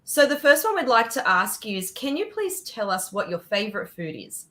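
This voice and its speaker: Lively higher-voiced woman hosting a podcast. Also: moderate pace. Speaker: podcast co-host. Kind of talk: podcast interview.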